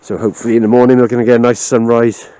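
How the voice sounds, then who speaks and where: A man's voice: mid-range voice, little pitch movement, racing, mellow, no room sound, highs cut off. A man with a South Wales Valleys accent chatting casually and jokily to a handheld camera outdoors. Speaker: camper filming an outdoor vlog. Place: outdoors at a woodland campsite.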